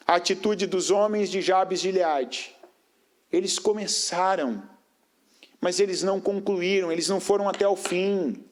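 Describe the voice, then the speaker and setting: Guy preaching, high voice, keeps asking the crowd questions, goes loud then drops low. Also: unhurried. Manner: rhetorical questions to the congregation; swings between raised emphatic phrases and low, quiet stretches. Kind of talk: sermon.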